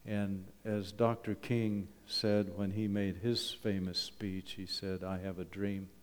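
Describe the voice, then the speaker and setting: This is a low-pitched, flat, unhurried male voice: a Canadian wilderness school principal, middle-aged or older, talking to a church congregation. His folksy slide presentation is funny and conversational with frequent rhetorical questions, and the echoey hall gives it a long reverb.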